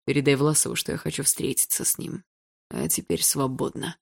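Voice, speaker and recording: A woman voicing a gravelly, menacing schoolboy. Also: big pitch swings, brisk, exaggerated voice. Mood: cold. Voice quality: low gravelly voice. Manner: curt, menacing orders. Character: domineering teenage schoolboy, cold and commanding.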